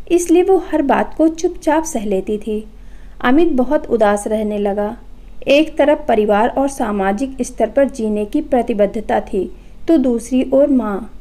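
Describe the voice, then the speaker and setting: A woman narrating a moral story in a calm, earnest storytelling manner. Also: on the high side.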